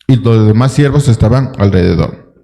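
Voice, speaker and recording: A man's voice: fairly low pitch, moderate pace, vocal fry, mellow. A man preaching a sermon as pastor, dramatizing a story and throwing rhetorical questions at his congregation. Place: church hall. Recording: long church hall reverb.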